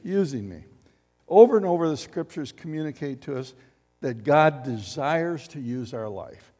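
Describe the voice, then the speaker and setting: A man preaching a sermon as pastor, animated and acting out quotes as he speaks. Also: on the high side, normal speed, long reverb tail, faint music behind. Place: church sanctuary.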